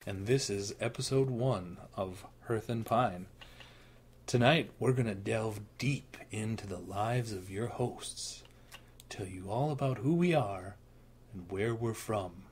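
A man's voice: fairly low pitch, slow pace, a little mellow, slight background noise. A man in his thirties with a Minnesota accent, co-hosting a casual chat and telling stories with playful asides. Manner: joking storyteller, playful asides. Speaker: podcast co-host.

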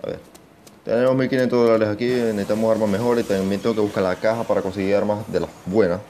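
A young man giving casual gameplay commentary, excitable, swearing often and talking to himself. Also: on the low side, fast, a little hiss or hum. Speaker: gaming channel host.

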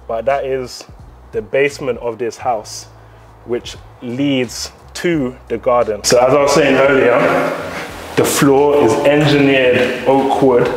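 A man's voice: medium pitch, roomy sound. Upbeat young man on a house tour. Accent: London English. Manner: upbeat, enthusiastic, addresses viewers directly. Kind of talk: walk-through property tour. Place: empty newly built house, indoor rooms and garden.

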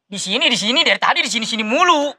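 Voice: mid-range voice, animated, rapid-fire, sharp tone, breathy edge, dry recording, clean studio sound. A comedy sketch actor in whiny, teasing slapstick banter.

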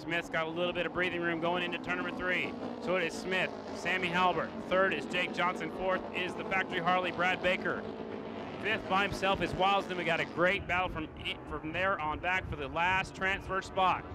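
A man commentates live on a motorcycle race with an excited, high-pitched voice. His calls are short and punchy. Loud engine and outdoor noise surrounds him. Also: normal speed. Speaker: race track announcer. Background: motorcycle race track ambience.

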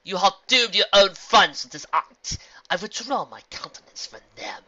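A storyteller voicing a cold, furious evil female alicorn princess who speaks in slow, booming, imperious declarations. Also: expressive, bright, forceful tone, muffled recording, slight background noise.

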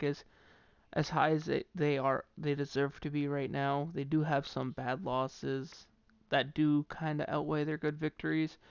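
A man with a New England accent talks through his football picks in a loose, opinionated ramble and often stumbles and restarts mid-sentence. His voice sits a bit high and sounds smooth and clear. It is recorded close and dry, with no room sound. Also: no room sound. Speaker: sports commentator ranking football teams. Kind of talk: casual solo sports commentary.

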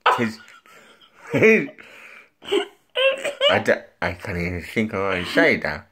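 A man's voice: fairly low pitch, very animated, slow. A man in his thirties chatting casually, slurring because his mouth is held open by a cheek retractor. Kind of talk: casual joking chat. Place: small living room, indoors. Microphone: phone at arm's length. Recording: noisy phone recording.

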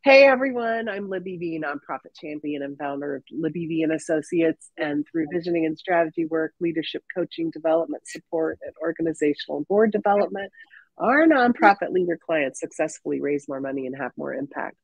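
A woman's voice: low voice, a little fast, husky, no echo. A woman hosting an interview show over a video call, sounding congested and nasal at the tail end of covid, upbeat and chatty with many ums. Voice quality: stuffy, nasal. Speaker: podcast host. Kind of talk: casual interview chat. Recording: muffled dry video-call audio.

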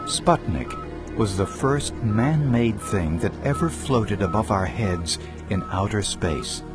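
Low, animated male documentary narrator. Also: slow pace. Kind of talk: dramatic scripted narration. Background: loud music.

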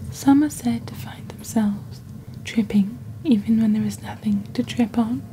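A calm, mysterious witch selling magical wares is voiced by a woman on her ASMR roleplay channel, delivering a gentle scripted product presentation. Her natural, slightly high voice is breathy and barely above a whisper, very dark and mellow, phrased slowly with intention. She's recorded close on a desk microphone over faint background noise.

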